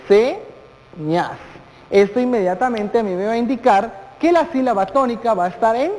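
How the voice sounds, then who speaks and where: A teacher from Guatemala gives a televised classroom lesson, addressing the students directly, asking questions, and drawing out key words. The voice is mid-range and slightly mellow, with long hall reverb on the recording.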